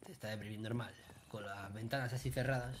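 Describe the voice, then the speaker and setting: A man's voice: lowish voice, steady tone, fast, a little hiss or hum. A man in his thirties with a Spain Spanish accent, streaming a game and teasing a friend with silly sing-song bits and whispers. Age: 30s. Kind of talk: playful gaming stream banter.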